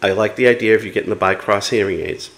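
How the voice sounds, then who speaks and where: A man's voice: fairly low pitch, fast, gravelly, fairly bright tone. A man in his fifties giving a casual, conversational explanation to camera in a room at home. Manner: conversational, recounting and quoting dialogue. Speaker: vlogger on living with an illness. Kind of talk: casual explanatory vlog chat. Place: small home room, indoors.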